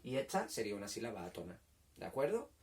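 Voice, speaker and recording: A man teaching a children's lesson in a patient, repetitive way, checking understanding often and sounding out syllables slowly. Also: fairly low pitch, sing-song, darkish tone, far from the mic. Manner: patient, repeats points, checks with "¿vale?". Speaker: primary school teacher. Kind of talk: recorded language lesson for children.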